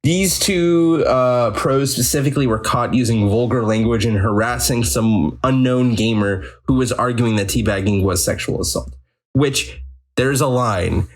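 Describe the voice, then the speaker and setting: A man's voice: mid-range voice, measured pace. Teasing, rambling man on a podcast. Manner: teasing, rambling, restarts often. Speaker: podcast co-host reading news. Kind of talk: casual gaming podcast chat.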